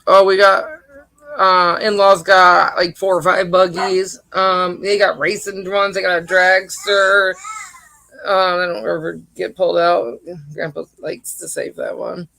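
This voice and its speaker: A woman's voice: fairly low pitch, unhurried, vocal fry, sharp tone, dry recording. A woman chatting casually and bluntly on a livestream from home, rambling between topics. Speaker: livestream co-host. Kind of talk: casual chat.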